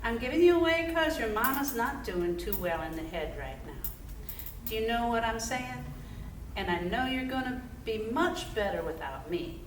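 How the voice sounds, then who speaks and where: A woman's voice: fairly high pitch, lively intonation, moderate pace, noisy background, lightly acted. A woman acting out a troubled young mother giving up her baby, crooning a lullaby and pleading, on an echoey stage heard from a distance.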